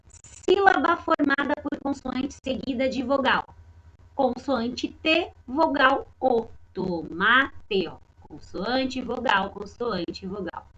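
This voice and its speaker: A woman teacher talks slowly through a school exercise and keeps stopping to point things out. Her voice sits a little high. The recording sounds dull and lo-fi, like a home setup. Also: a bit bright. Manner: patient, repeats and points things out. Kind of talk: remote lesson walkthrough.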